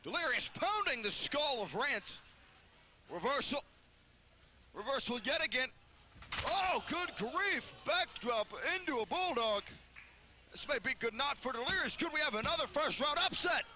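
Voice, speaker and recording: A man with a very high, sharp voice calls wrestling play-by-play. He is excitable and names moves in clipped phrases, with faint venue ambience behind him. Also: normal speed, slight background noise. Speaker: wrestling commentator. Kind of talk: play-by-play sports commentary.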